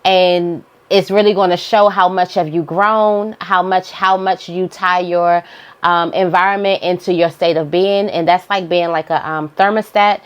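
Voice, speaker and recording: A woman's voice: on the low side, fairly even intonation, a little slow, clean tone. A woman giving an informal, motivational spiritual monologue, repeating phrases for emphasis as she guides listeners. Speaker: spiritual guidance host.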